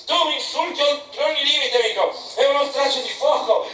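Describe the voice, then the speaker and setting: A man's voice: extremely high pitch, brisk, pushed and bright, voice pushed up. A man voicing a hot-tempered old sea captain who roars and blusters. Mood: furious. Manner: roaring, blustering. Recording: echoey room, mic far off.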